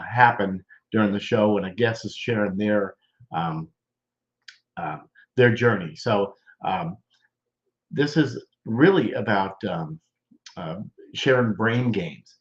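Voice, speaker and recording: A male host with a congested voice talks through a live show in a halting, stop-start way, pausing often before he goes on. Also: lowish voice. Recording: dull lo-fi sound.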